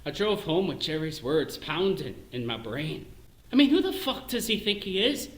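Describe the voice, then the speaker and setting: An actor playing a bitter middle-aged clerk with a Northern Irish accent in a theatrical monologue, swinging between hushed self-loathing and shouted rage. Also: male voice, a little high, very animated, normal speed. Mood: furious, scornful. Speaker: stage actor in a one-man show. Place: performance space, live stream. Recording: roomy echo.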